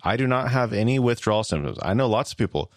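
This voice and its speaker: Deep-voiced wry man co-hosting, dry sound. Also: fast talker, dry recording. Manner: relaxed, wry and playfully argumentative. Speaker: podcast co-host. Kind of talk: casual chat.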